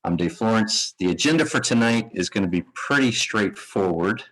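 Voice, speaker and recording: A man from Kentucky with a Kentucky accent giving a presentation to an audience, relaxed and self-deprecating. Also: fairly low pitch, normal speed, poor audio. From Kentucky, United States. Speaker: guest presenter. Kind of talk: conference presentation. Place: lecture room with live audience.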